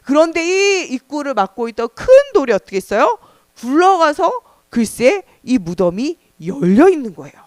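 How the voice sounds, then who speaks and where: Animated woman pastor telling children a story. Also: high voice, normal speed, no room sound, studio quality. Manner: animated, asks children questions, gasps for drama. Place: church.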